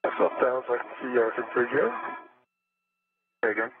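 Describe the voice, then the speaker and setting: A man's voice: mid-range voice, moderate pace. Man on crackly breaking-up space radio. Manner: terse, calm call-and-response. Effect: crackly, breaking-up space-to-ground radio. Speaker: astronaut on a spacewalk. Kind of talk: clipped radio procedure talk. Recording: noisy narrow-band space radio.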